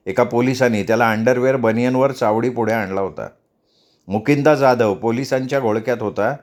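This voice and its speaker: A male storyteller narrating a novel as an audiobook, in a steady, measured manner. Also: medium pitch.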